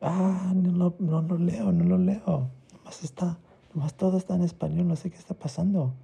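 A man's voice: high-pitched, steady tone, normal speed, creaky, mellow, husky, pitched above the performer's own voice, heavily acted. A man voicing a young boy who is frustrated and pleading at being unable to speak English, in a told bedtime story. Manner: pleading, whiny and upset.

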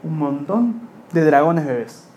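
A man's voice: fairly high pitch, expressive, measured pace, darkish tone, a little hiss or hum. A young man with a Rioplatense accent telling a long stand-up comedy story in a rambling, self-mocking way. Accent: Rioplatense Spanish. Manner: rambling, self-mocking, slips into quoted voices.

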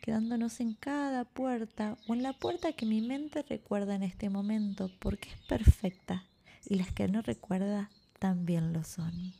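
Woman leading a guided meditation, slow and soothing, gravelly low-key voice. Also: mellow, slight background noise. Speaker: yoga nidra guide. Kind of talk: guided meditation with story reading.

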